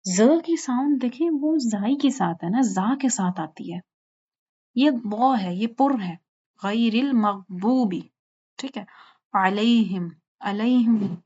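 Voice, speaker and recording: Lady teaching tajweed, drops english words in, slow recitation bits, muffled lo-fi audio. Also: on the high side, expressive, warm tone, slightly rough. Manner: explains in Urdu mixed with English words, recites verses slowly to show mistakes. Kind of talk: informal online lesson. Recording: dull lo-fi recording.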